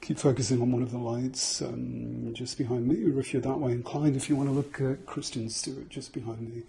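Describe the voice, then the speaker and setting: Speaking softly in an ASMR role-play, a British man insists on instructions, repeating them and offering reassurance. He's brisk, with a medium pitch, fairly even intonation and a husky voice marked by vocal fry.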